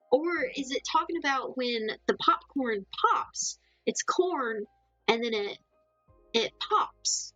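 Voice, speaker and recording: A livestream host from the Southern United States, with a mild Southern accent, chats loosely with her live audience, rambling and laughing often. Her voice is high-pitched and bright with a forceful tone. The recording is rough, with no room sound.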